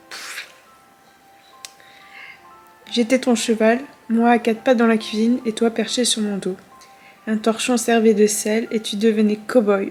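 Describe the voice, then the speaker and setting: A woman's voice: a little high, a little mellow, lightly acted. A woman reading aloud in the voice of an elderly grandmother who looks back on her life with grief and tenderness. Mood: tender.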